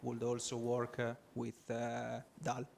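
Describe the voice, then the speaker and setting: A man in the audience asking a halting question, filling pauses as he goes. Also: mid-range voice, monotone, gravelly, a little mellow, slight background noise.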